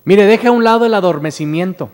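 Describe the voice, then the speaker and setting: Fast and darkish in tone, a Mexican man's high, lifted voice preaches a sermon in Mexican Spanish through a standing pulpit mic. He tells his story earnestly, repeatedly restarting on words before building to emphatic declarations. The indoor church sanctuary with its stage rings with long reverb.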